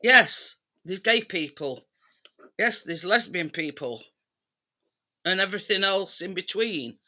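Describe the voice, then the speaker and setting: During a casual, opinionated live-stream chat, a woman from England talks insistently and circles around her point, repeatedly checking she's understood with "you know what I mean". Her voice is on the low side, expressive and slow, with a pushed, bright quality.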